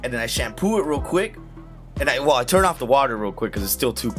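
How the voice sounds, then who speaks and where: A man's voice: mid-range voice, expressive, fast talker, a bit bright, faint music behind. A young man telling casual comic stories to friends in a slangy, profane frat-bro manner.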